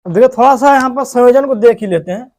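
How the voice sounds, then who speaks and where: A man's voice: very high voice, fast talker, a little mellow. A man teaching a physics lesson, who keeps asking questions and answering them himself as he explains step by step. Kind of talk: whiteboard lesson.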